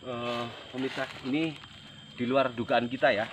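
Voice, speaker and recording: A man narrating a night ghost-hunting vlog to viewers outdoors, speaking in a halting, repetitive, uneasy way. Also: medium pitch, level tone. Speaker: paranormal exploration vlog host. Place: outdoors at night, rural site. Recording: noisy outdoor location recording.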